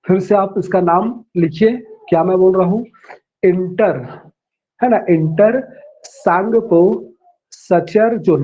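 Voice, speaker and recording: A man with a fairly high voice gives a classroom lecture. He repeats each term slowly and spells it out, then checks with his listeners before going on. The sound is dull and lo-fi, like a low-grade online class recording. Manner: checks in with "है ना" and "ठीक है". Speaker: teacher.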